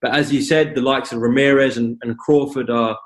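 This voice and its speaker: A man of medium pitch puts conversational questions as a sports interviewer. The video-call sound is noticeably roomy. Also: steady tone, a little fast. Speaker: boxing interviewer, host.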